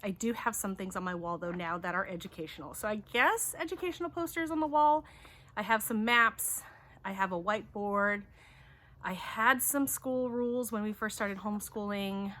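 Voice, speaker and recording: A woman's voice: mid-range voice, expressive, normal speed, a bit bright. A woman who grew up in Taiwan hosts a homeschooling channel, chatting casually outdoors as she answers questions one by one. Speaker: homeschooling YouTube host. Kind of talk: casual chat.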